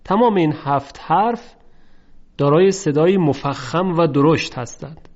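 A man teaching a lesson on Quran recitation rules, speaking slowly and carefully and drawing out the example words in chant. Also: fairly high pitch, darkish tone. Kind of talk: tajweed lesson. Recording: dull lo-fi recording.

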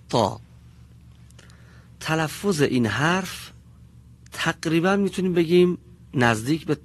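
A man teaching a classroom pronunciation lesson, speaking slowly and deliberately and drawing out each sound as he demonstrates it. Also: mid-range voice. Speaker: Quran recitation teacher. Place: classroom with students.

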